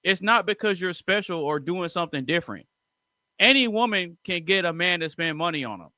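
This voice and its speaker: A man's voice: sits high, lively intonation, a little fast, bright, forceful tone, no room sound, clean studio sound. A man hosting a casual music reaction, giving opinionated commentary and lecturing straight to his viewers.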